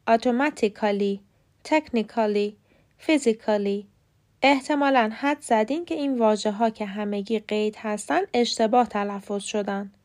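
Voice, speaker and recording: A woman hosting a scripted podcast lesson on English pronunciation, slowly spelling out English words. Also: fairly high pitch, gravelly. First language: Persian.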